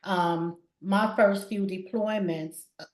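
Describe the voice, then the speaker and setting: A woman hosting an interview who is herself a claims adjuster, talking in lively, agreeing bursts. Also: mid-range voice, takes it slowly. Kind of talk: interview conversation. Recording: echoey room.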